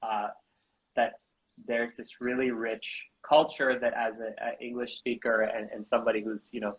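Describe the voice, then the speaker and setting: A co-founder of a bamboo architecture school, from Canada and the US, talks casually in an interview, restarting haltingly and using fillers. His voice is mid-range and level, and the audio sounds dull.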